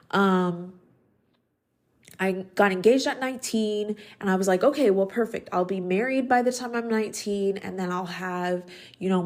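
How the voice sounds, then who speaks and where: A woman's voice: mid-range voice, a little mellow. A woman in her thirties hosting a solo podcast, talking in a chatty, reflective way with lots of ums and likes. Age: 30s. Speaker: podcast host. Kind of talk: casual solo podcast talk.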